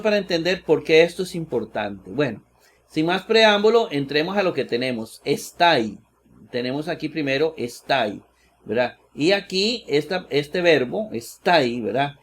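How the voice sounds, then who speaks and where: Brief: male Bible lecturer, slightly high voice, slow and halting, lots of fillers and tag questions. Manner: unhurried, searching aloud, tags sentences with "¿verdad?"; frequent "eh" fillers and self-corrections. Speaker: biblical exegesis teacher. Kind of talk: slow screen-share lecture on Greek manuscripts.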